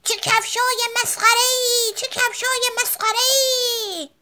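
A shrill, jeering little boy bully, as a woman reading a storybook puts him on. He taunts in a bright, piercing, sing-song voice that keeps climbing. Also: animated, exaggerated voice. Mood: mocking. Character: young schoolboy bully, mocking and loud.

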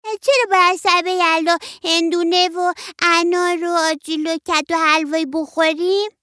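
A woman's voice: extremely high pitch, steady tone, pushed and bright, no room sound, studio quality, pitched above the performer's own voice. A woman voicing a curious five-year-old granddaughter, asking eager questions.

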